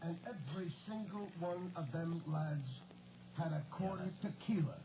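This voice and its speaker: An actor playing a jovial, folksy American cavalry sergeant spinning yarns in a 1940s radio drama. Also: male voice, on the high side, normal speed, phone-quality sound, lightly acted. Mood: jovial, reminiscing. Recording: noisy, thin, band-limited old radio recording.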